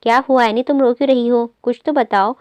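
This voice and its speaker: A woman reading the part of a gentle young wife who pleads with her husband. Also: a little high, fairly even intonation, brisk, dry recording, natural voice. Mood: concerned.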